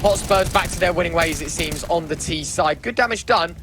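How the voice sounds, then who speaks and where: Esports caster, male, high-pitched, dramatic live match commentary over noticeable game sound. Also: a little fast. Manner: dramatic, exclamatory, vivid phrasing. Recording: clear game noise behind the voice.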